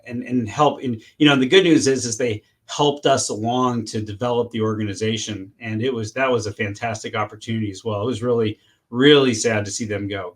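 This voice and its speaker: A middle-aged man, a surgeon, answering interview questions in a halting way with many restarts and frequent laughs. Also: fairly low pitch.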